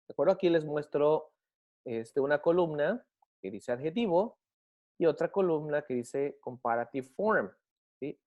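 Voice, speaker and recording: A man teaching an English grammar lesson in a patient explaining manner. He often checks whether his students follow him, and he slows down to spell and model English words. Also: on the high side, a little mellow, muffled recording. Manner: patient, checks understanding with frequent questions. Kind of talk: explaining grammar in a recorded class.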